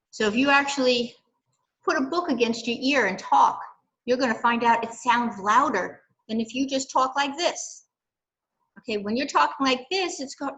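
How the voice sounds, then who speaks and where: An older woman reading a picture book aloud, then explaining sound to children in a gentle, plain way with many "okays.". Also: on the high side, poor audio. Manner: gentle, explaining with frequent "okay" and "right". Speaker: library science program leader. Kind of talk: children's science lesson.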